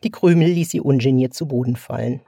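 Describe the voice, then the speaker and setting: A man reading a story aloud in an even, measured manner. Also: mid-range voice, creaky, husky, no room sound, studio quality. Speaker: audiobook narrator. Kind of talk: scripted story narration.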